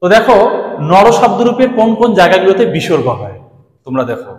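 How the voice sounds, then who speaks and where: A man's voice: high voice, sing-song, fast. A man teaching Sanskrit grammar in speech, patiently repeating examples and speaking directly to his students. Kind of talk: classroom grammar lesson. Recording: echoey room with long reverb.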